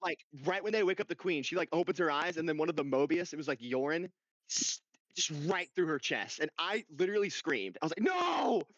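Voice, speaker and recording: A man's voice: a little high, brisk, no echo. Young guy geeking out about a game, swears a lot, kinda muffled dry mic. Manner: excited storytelling, swears a lot. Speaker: podcast co-host. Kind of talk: casual gaming chat. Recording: dull lo-fi dry sound.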